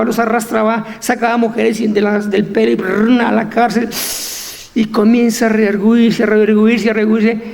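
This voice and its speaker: A man's voice: sits high, vocal fry, darkish tone, long reverb tail. A man preaching a fervent sermon as pastor, asking rhetorical questions and acting out the voices of Bible figures.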